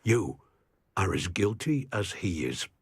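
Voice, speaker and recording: Stern older patriarch, husky, commanding, moralizing, widely swinging pitch, dry game dialogue. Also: male voice, sing-song, slow, no room sound, exaggerated voice. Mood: outraged. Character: stern, indignant older uncle, a strict family patriarch. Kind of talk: dramatic video game dialogue.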